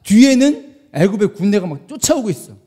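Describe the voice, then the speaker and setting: High-voiced man preaching animatedly. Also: fairly quick, husky. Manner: animated storytelling, asks the crowd questions. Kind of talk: sermon to a young audience. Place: church meeting hall.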